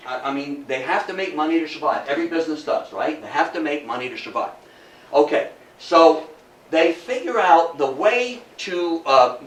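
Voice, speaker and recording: In a slightly high, a bit bright voice, the older Athens, New York, history lecturer tells stories emphatically at an informal indoor talk for a small audience, repeating phrases and asking rhetorical questions. A distant mic in an echoey room captures faint noise.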